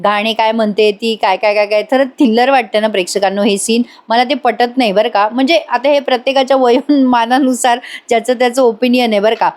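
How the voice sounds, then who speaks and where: A woman's voice: on the high side, fairly even intonation, fairly quick, few pauses. A woman with a Marathi accent giving a chatty voice-over recap of a TV serial episode, quoting the characters' lines. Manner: chatty, retells scenes quoting characters' lines with light acting. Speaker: serial review narrator.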